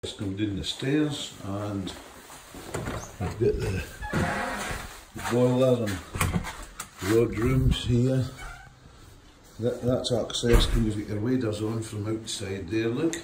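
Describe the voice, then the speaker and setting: A lowish-voiced man films a casual walk-through of a wooden lodge's rooms and hallways on a phone held in his hand, speaking slowly and haltingly with lots of fillers. The recording picks up echoey rooms and clear handling noise.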